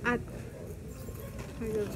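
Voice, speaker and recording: Slow-talking Filipino woman vlogging over loud noise. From Philippines. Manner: slow and relaxed, talking while eating. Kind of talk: casual vlog chat mixing Tagalog and English. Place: fast-food restaurant.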